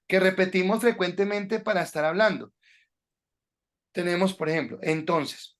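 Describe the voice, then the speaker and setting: A preaching instructor at a Bible school lectures his class on sermon delivery, giving students direct instructions with frequent hesitations. His voice sits high and a little bright, with a steady tone and a moderate pace.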